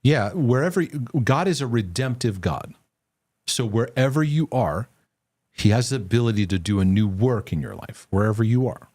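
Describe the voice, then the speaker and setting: Hosting a live question-and-answer show, a man delivers earnest faith-based teaching meant to reassure, often starting over mid-thought. His mid-range, darkish voice is animated and moderately paced. There's no room sound in the recording.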